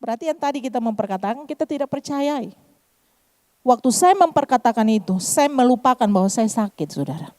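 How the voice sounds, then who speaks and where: Mellow-voiced woman pastor preaching. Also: fairly high pitch, expressive, fairly quick. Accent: Eastern Indonesian, Kupang Malay. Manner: addresses congregation as "saudara" often. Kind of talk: sermon with personal testimony.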